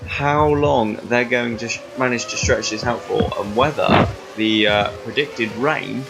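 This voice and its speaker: A man's voice: medium pitch, measured pace, creaky, rough recording. A man commentating a sim race in a casual, bantering way, often correcting himself. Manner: chatty, self-correcting, bantering. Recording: music playing behind.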